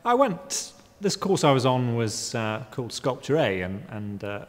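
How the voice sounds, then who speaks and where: A man's voice: mid-range voice, sing-song, measured pace. A man in his fifties from Guyana, an artist giving hesitant, wry interview answers with many ums and restarts. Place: art gallery exhibition space. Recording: reverberant room.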